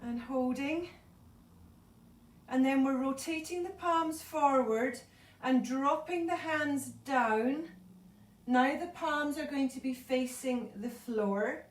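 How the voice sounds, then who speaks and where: A woman leading a yoga class, calmly cueing breath and movement, a little out of breath. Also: sits high, slow pace. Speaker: yoga instructor. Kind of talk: live online yoga class instruction. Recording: echoey room, voice from far off.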